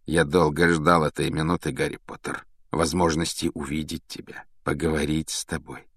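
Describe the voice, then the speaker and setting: A man voicing a sinister teenage wizard who speaks in a smooth, unhurried, coolly mocking way. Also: rumbling low, little pitch movement, fairly bright tone, dry recording, full character voice. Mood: coldly mocking. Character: sinister teenage boy wizard, calm and cruel. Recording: dry close audiobook sound.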